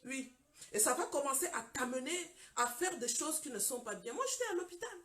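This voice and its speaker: A woman preacher with a fairly high voice tells her own story from the pulpit. She talks dramatically and acts out both sides of the conversations. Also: animated, normal speed, fairly bright tone. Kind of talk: testimony sermon.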